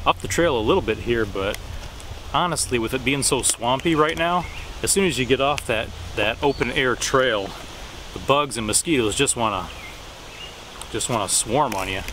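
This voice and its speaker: A man in his forties rambling casually to a camera at arm's length outdoors in the woods, haltingly thinking aloud and trailing off. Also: mid-range voice, a bit bright, a little hiss or hum. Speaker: pipe-smoking vlogger. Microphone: camera at about arm's length.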